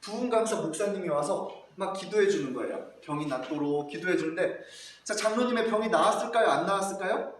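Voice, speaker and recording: A male pastor giving a children's sermon, animated, asking the children questions and acting out voices. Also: high voice, fairly quick. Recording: echoey hall, far from mic, faint noise.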